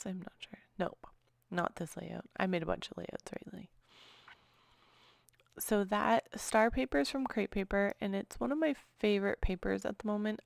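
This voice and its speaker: A woman's voice: medium pitch, creaky, dry recording, clean studio sound. A woman narrating her own crafting video in a casual, chatty voice-over, often apologizing and trailing off with small laughs. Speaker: scrapbooking vlogger.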